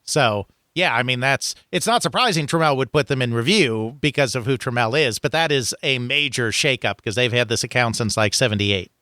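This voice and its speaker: Male podcast co-host, smooth resonant voice, dry close sound, wry commentary. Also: medium pitch, a little fast, few pauses, bright, forceful tone, dry recording. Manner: wry, joking asides. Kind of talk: conversational commentary.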